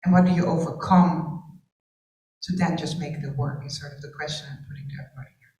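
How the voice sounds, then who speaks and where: On a panel, a woman from Curacao, Dutch being her native tongue, talks reflectively and fast, often restarting as she searches for words. Her voice is low, a little mellow, with fairly even intonation, and the mic picks her up from a distance in a roomy space.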